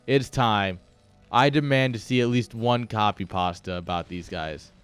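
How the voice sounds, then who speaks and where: A man's voice: lowish voice, a little slow, fairly bright tone, smooth. Sarcastic male game caster over music. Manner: joking, sarcastic asides. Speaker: esports commentator. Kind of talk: casual game commentary.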